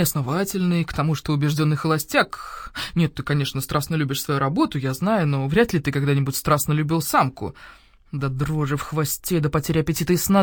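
A woman voicing an excitable young badger-cat detective who talks emotionally and teases his partner. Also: low-pitched, no echo, studio quality.

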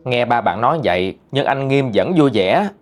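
A man narrating a ghost story in a conversational, expressive way. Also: medium pitch, normal speed, faint music behind.

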